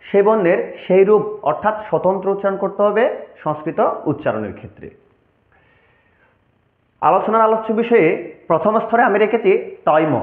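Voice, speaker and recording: A high-voiced man gives a formal lesson, explaining each point slowly and with care. His voice comes through a tinny, phone-like channel and bounces around a roomy, echoey space. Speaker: Sanskrit pronunciation teacher. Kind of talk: online lesson.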